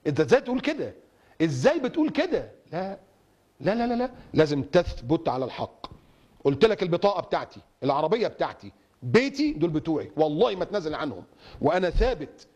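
A man with an Egyptian Arabic accent delivers a fiery sermon, his somewhat high voice leaping up and down with great animation. He speaks quickly and rhetorically, firing questions and repeating words for emphasis. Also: big pitch swings, a little mellow, husky, dull audio. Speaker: preacher. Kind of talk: impassioned sermon.

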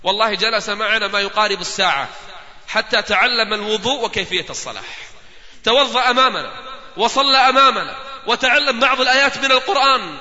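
High bright-voiced male preacher. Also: fast. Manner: impassioned, appeals directly to listeners. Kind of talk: storytelling sermon. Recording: dull lo-fi sound with long hall reverb.

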